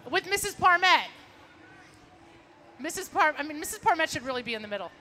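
A woman's voice: high-pitched, big pitch swings, a little fast, pushed and bright, a little hiss or hum. A woman giving chatty live parade commentary outdoors and calling out to the marchers. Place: outdoors on a city street at a parade. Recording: music and crowd behind, outdoor broadcast. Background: music and crowd.

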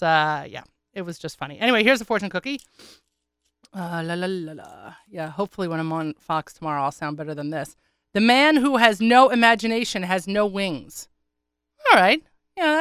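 An American woman hosting a chatty radio show in a wry, self-deprecating way, with a hoarse, congested, froggy voice that sounds swallowed. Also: mid-range voice, pushed and bright, no room sound, studio quality. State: congested, under the weather. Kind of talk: casual chatty radio monologue.

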